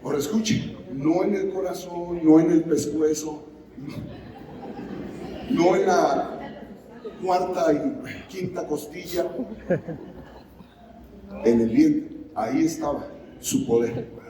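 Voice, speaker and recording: A man's voice: fairly high pitch, slow, pauses often, dark tone, a little hiss or hum. A man preaching a sermon in a church, calling on the congregation to answer back and acting out scripture scenes. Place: church sanctuary. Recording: very echoey hall, mic far off.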